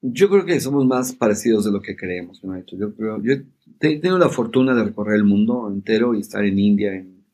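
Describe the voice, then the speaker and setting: A middle-aged man, a podcast guest telling a story in a lively way and acting out the voices in it. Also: lowish voice, a little fast. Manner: animated storyteller, acts out quoted dialogue. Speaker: podcast guest, entrepreneur and speaker. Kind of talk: casual storytelling chat.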